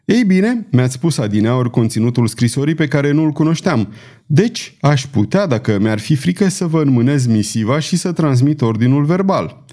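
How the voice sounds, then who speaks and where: A man's voice: on the high side, sing-song, mellow, pitched above the performer's own voice. A man doing a tense, defiant courier. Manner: anxious, defiant, voice rising under pressure. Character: tense, fearful male courier, a French count. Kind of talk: audiobook character voice.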